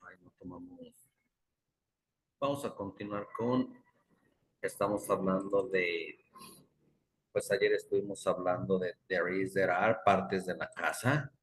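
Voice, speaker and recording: A man's voice: low-pitched, fairly even intonation, takes it slowly, pauses often. A male English teacher explaining grammar to a class. He repeats example words over and over as he drills them, and stops now and then to correct himself. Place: classroom with students. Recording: roomy classroom echo.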